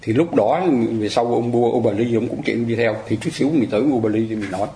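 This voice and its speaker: A man's voice: mid-range voice, fast talker, mellow. A man giving a conversational dharma lecture, often asking his listeners rhetorical questions. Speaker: Buddhist dharma teacher. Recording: roomy echo, faint ambient noise.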